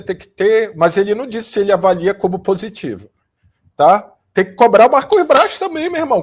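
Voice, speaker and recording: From his room at home, where a fan is running and a new studio is being set up, a Brazilian football commentator and channel host delivers a post-match rant. His high voice is emphatic and blunt, and he repeats lines and swears mildly now and then.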